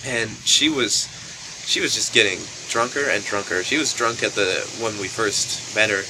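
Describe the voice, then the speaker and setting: A young storytelling vlogger tells a casual anecdote to camera at a moderate pace, animatedly acting out what people said. It's captured on a built-in camera mic that sounds noisy and low quality.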